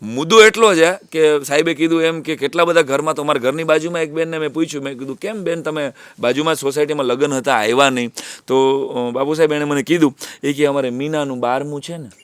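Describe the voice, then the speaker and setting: A man, a teacher speaking to students and parents, telling anecdotes in a lively storytelling way. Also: on the high side, quick pace, smooth, dry recording. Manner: lively storytelling, drops to a hush when acting out whispers.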